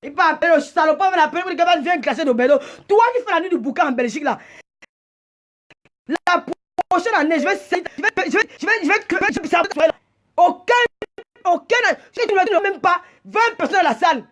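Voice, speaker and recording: Agitated female livestream host, very high pitch, indignant scolding delivery with stammered repeats. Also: animated, fairly quick. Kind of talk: heated live rant.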